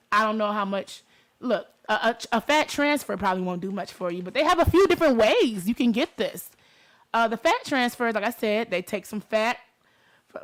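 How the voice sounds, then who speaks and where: Speaking straight to her audience, a talk show host from Detroit keeps things informal and chatty in her local Detroit accent. She has a mid-range voice and a fairly bright tone.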